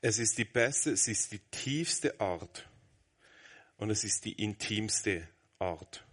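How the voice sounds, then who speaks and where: A man in his thirties preaching a sermon, earnest, moving between brisk explanation and a soft, hushed near-whisper. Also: on the low side, expressive, slightly rough.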